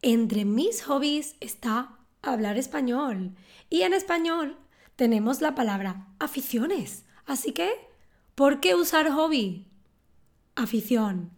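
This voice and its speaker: A woman, giving a calm, clear scripted lesson on words. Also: high-pitched, slow pace. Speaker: Spanish teacher.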